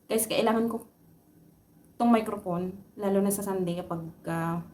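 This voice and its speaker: A woman from the Philippines, working overseas, reviewing a clip-on mic in a casual vlog. She talks softly on purpose, chatting in mixed Tagalog and English with lots of fillers. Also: slight background noise. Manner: soft-spoken, deliberately keeps voice low; chatty Taglish with many fillers. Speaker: overseas worker vlogger. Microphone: phone with clip-on lavalier mic.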